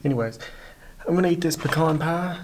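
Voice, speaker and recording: A young man talking quietly and casually to the camera while camping inside a small shed at night, in a relaxed, rambling way. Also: fairly high pitch, fairly quick. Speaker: vlogger. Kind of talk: casual vlog talk to camera. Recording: faint background noise.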